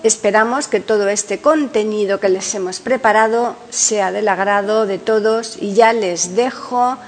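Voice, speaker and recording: A woman hosting a podcast, reading a scripted introduction and biographical narration in a measured, announcer-like way. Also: medium pitch, a little hiss or hum. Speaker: podcast host. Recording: long reverb, guitar music underneath. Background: guitar music.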